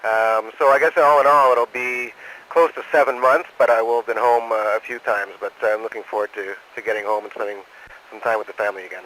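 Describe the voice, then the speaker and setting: Halting man over noisy space radio. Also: on the low side, steady tone. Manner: halting, saying "over" after each answer. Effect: space radio transmission. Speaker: astronaut answering school questions. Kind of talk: unscripted question-and-answer over radio. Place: aboard the space station.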